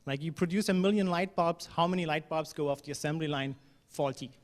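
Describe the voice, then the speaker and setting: At a conference, a German man talks fairly quickly in a fairly high-pitched voice, echoing through a reverberant hall. His style is conversational, with fillers and occasional phrases that reveal he isn't a native speaker.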